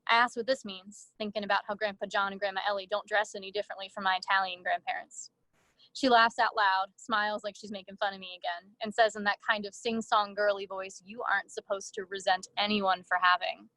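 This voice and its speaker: A woman reading her own first-person fiction aloud in a measured way, with brief casual asides to the audience. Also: mid-range voice, flat delivery, bright, forceful tone, no room sound. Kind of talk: literary reading.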